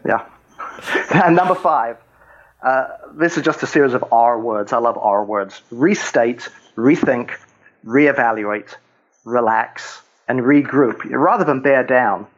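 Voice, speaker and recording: An older man, a guest author, talking through his points in a relaxed conversational way about faith and fatherhood, with frequent chuckles. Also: medium pitch, unhurried, lo-fi sound.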